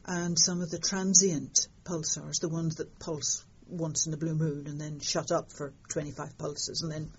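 Older woman with a husky voice. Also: low-pitched, normal speed, few pauses. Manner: lively storytelling, fond of understatement. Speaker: interviewed astronomer. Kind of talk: conversational interview. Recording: dull lo-fi sound.

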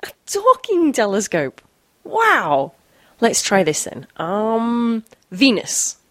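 An earnest young astronomer heroine, played by a woman who exclaims at every wonder. Her voice is breathy and lively, swooping up and down, and a little high. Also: takes it slowly, exaggerated voice. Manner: wide-eyed, exclaiming, curious.

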